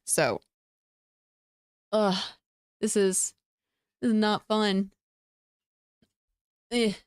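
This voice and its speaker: A woman's voice: medium pitch, extremely slow, a little mellow, clean tone, no echo, clean studio sound. A young adult woman streamer with the hiccups, chatting casually and a little exasperated to her viewers. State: has the hiccups.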